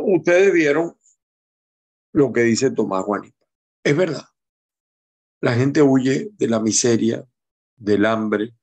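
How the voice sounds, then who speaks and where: Man, middle-aged, political commentary, slow, digressive, wry. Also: mid-range voice, a little mellow. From Venezuela. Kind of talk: commentary on a news clip.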